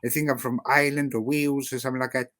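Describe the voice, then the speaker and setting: Speaking at a racing clip, the South African guest artist has a medium-pitched, level, fairly bright voice with no room sound. His accent sounds English instead of South African, and his casual interview talk rambles, stuffed with "you know."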